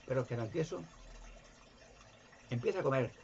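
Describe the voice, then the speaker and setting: A man giving an impassioned religious monologue, animated, acting out voices and sounds. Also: moderate pace, vocal fry. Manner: animated, jumps in pitch to act out voices and sounds. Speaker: video presenter. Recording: dull lo-fi recording.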